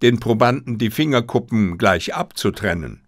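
A man voicing a sharp, commanding male detective in an audiobook, speaking in a crisp, insistent way. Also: mid-range voice, expressive, normal speed. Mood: dry.

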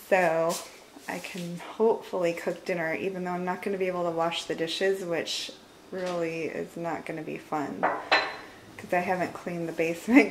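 This is a low-quality clip of a woman's fairly low-pitched voice, with a little hiss or hum in the background. She's in her thirties, vlogging an upbeat, casual tour of a large home with an open living room and kitchen. She films herself off screen on a handheld camera and talks with plenty of fillers.

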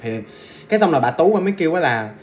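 A man's voice: on the high side, sing-song, fast, slight background noise. A man hosting a casual ghost-story livestream, chatting to viewers and eating as he talks. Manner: chatty, addresses viewers directly, eats while talking.

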